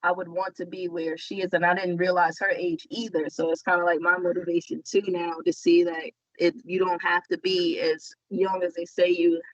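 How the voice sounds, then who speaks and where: A man from Staten Island, New York, chats loosely as a guest rider on a casual podcast, rambling and restarting his sentences often. His voice sits high, fairly bright and level, at a moderate pace with hardly any pauses. The recording is dry, with dull lo-fi sound.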